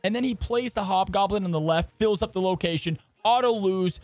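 A man with a fairly high voice co-hosts a gaming podcast, talking in a lively, joking way. The sound is dry and close, with faint music underneath. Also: fairly quick, no echo. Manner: animated, jokey, hosting segments. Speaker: podcast co-host. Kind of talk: casual gaming podcast chat.

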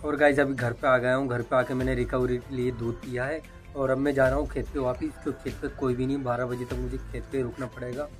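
Talking into a phone held out at arm's length, a young man vlogs about his everyday life outdoors among farm fields and streets. He speaks quickly in a flat, mid-range voice over soft background music.

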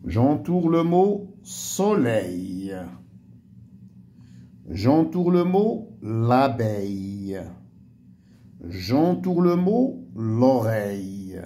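Very slow, careful male teacher. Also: medium pitch, big pitch swings, warm tone, slight background noise. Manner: spells out syllables and letters slowly for young pupils. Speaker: French teacher. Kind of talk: slow, deliberate primary-school lesson.

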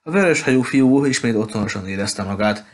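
A man reading a novel aloud at a steady pace, with occasional slips and restarts. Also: lowish voice. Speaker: audiobook reader.

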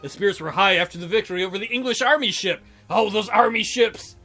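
Reading a visual novel aloud for a let's-play, a man jokes around theatrically, giggles often, and offers playful commentary over background music. He's a fast talker with a high-pitched, gravelly, bright voice and a forceful tone.

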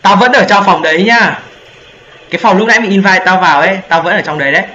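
A young gaming channel host jokes around with friends while playing, excitable and swearing casually. His voice sits high and moves at a quick pace. It comes through a voice chat mic that sounds echoey, dull and lo-fi.

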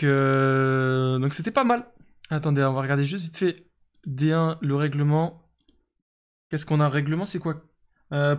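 Quick-talking young man streaming a game. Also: on the high side. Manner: chatty, reads and answers chat, lots of fillers. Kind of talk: casual live game commentary.

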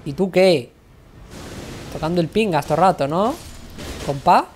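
Young Spanish woman streaming a game: mellow voice, chatty, swears, complains dramatically, slight background hiss. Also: on the low side, expressive, a little slow. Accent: Spain Spanish. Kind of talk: live game stream commentary.

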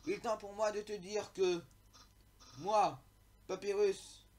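A man's voice: high voice, level tone, slow pace, a little mellow, pitched above the performer's own voice. A man reading the lines of a vain, boastful skeleton in a pompous, theatrical way. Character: vain, boastful skeleton, grandly self-important.

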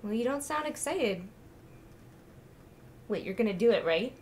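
A woman playing an ambitious young actress and girlfriend who talks in a pushy, sharp-tongued way. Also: on the high side, expressive, unhurried, a little hiss or hum.

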